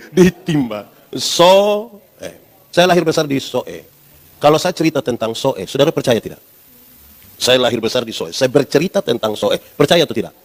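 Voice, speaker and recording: A pastor in his forties, preaching a lively sermon and asking the congregation questions. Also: fairly high pitch. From Indonesia. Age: 40s.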